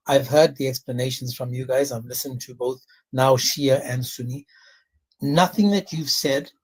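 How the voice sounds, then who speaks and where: A man hosting a live religious debate, insistent and quick to interrupt, calling others bro and my man. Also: medium pitch, darkish tone. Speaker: debate host.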